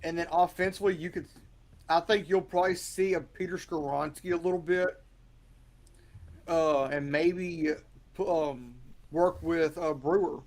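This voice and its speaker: High-voiced man, hesitant podcast guest. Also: fairly even intonation, a little slow. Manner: hesitant, many fillers and maybes. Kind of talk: casual sports chat.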